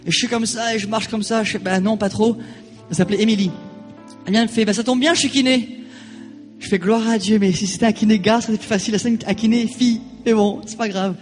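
A man's voice: high-pitched, flat delivery, fast, in a large hall, soft background music. A man preaching a sermon in a church, telling a personal story and acting out the voices of the people in it. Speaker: pastor.

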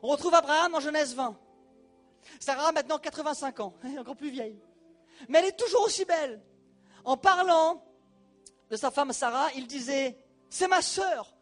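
A male preacher giving a sermon, animated and colloquial, talking straight to the congregation. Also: extremely high pitch, brisk, pauses often, faint music behind.

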